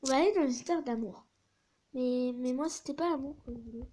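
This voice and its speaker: A woman's voice: high voice, fairly quick, mellow, a little hiss or hum. A woman hosting a video, chatting casually and swearing as she browses stories, sometimes dropping to a whisper. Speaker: video host reading chat stories. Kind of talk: casual chat.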